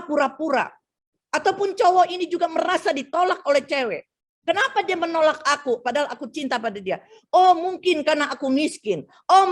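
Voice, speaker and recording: A middle-aged woman giving a sermon, telling stories and acting out the voices of the people she quotes. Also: sits high. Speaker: speaker.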